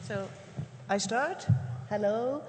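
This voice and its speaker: A woman's voice: mid-range voice, slow pace, very noisy. A woman, a board member introducing herself on a panel, earnest and searching for words. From Germany. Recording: conference hall reverb.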